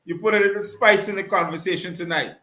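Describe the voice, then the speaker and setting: A man hosting a live online call-in talk show, courteous and unhurried, often trailing off and restarting. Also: high-pitched, steady tone, bright, forceful tone. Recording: roomy echo.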